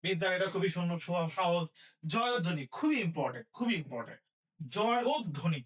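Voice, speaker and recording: A man teaching an online lesson, spelling words out slowly syllable by syllable and asking his students questions as he goes. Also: sits high, very animated, distant mic.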